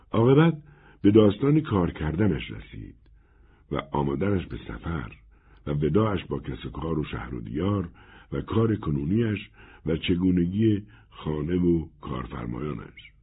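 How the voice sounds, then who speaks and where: A man narrating an audiobook in an expressive, husky voice. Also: sits low. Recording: narrow phone-like band.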